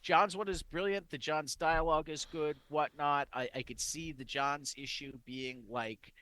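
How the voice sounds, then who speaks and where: A man's voice: on the high side, fairly even intonation, measured pace, sharp tone, clear, resonant tone. A man co-hosting a comics podcast in casual chat, rambling with many restarts and fillers. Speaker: podcast co-host.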